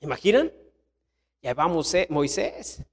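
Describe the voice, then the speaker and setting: A middle-aged man with a Mexican accent, preaching a sermon as pastor, telling lively stories and tossing rhetorical questions at the congregation. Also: normal speed, slightly rough. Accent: Mexican Spanish. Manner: animated storytelling preacher, sweeping pitch swings, rhetorical questions.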